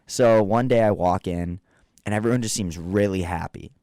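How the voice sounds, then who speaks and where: A young man hosting a talk radio show, telling a work story with a slightly low voice. He jumps into other people's voices to mock them. The sound is dry and close. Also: normal speed, clean tone, no room sound. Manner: animated, mocking storyteller who acts out others' voices. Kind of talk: casual storytelling chat.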